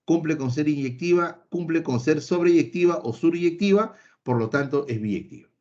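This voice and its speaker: In a recorded online math lesson, a man with a fairly high, expressive, darkish voice speaks at normal speed. He hammers key points through repetition, addresses his students directly, and playfully acts out an imagined student's replies; the audio is slightly dull and lo-fi.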